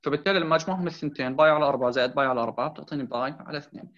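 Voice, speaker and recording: A man's voice: fairly high pitch, very fast, fairly bright tone. A man tutoring engineering, explaining a drawing, repeating key points and mixing in English terms. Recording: slightly dull lo-fi sound.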